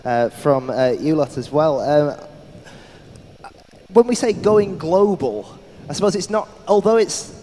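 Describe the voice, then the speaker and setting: A man moderating a panel discussion, halting and full of fillers. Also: on the high side, lively intonation, warm tone. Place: conference hall. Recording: echoey hall, faint background noise.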